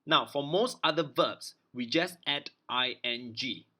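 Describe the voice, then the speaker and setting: A man teaching an English grammar lesson, spelling out letters and repeating example words slowly for his learners. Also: medium pitch, pushed and bright. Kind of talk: slow explanatory grammar lesson.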